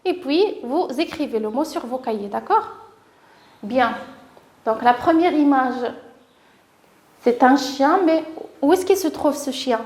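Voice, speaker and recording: A woman with a Moroccan accent teaching a lesson to young children, speaking slowly and clearly, encouraging them and sounding out each syllable. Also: sits high, lively intonation, darkish tone, reverberant. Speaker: primary school teacher.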